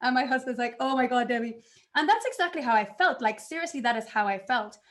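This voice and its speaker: A woman giving a conference talk, telling her story in an animated way and acting out her own past reactions. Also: high voice, quick pace. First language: not English. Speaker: conference speaker.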